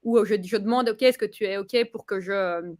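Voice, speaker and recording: A woman giving a casual testimonial, talking with many fillers, pauses and restarts. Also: medium pitch.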